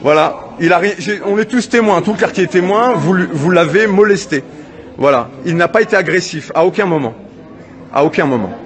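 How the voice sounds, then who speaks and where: A man filming an arrest on his phone outdoors, shouting and pleading, telling the police to let the man go and urging him to stay calm. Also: high-pitched, fairly quick. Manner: pleading, repeats himself, calls out to the police and a crowd. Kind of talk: shouted street protest. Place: outdoors in a city street. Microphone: phone camera held while filming. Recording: amateur phone video with a crowd around. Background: crowd of onlookers.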